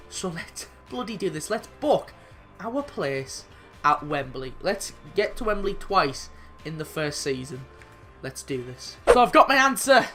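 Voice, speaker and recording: A young man commentating his own football video game match, excitable and swearing, with sudden shouts when goals go in. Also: on the high side. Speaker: gaming YouTuber.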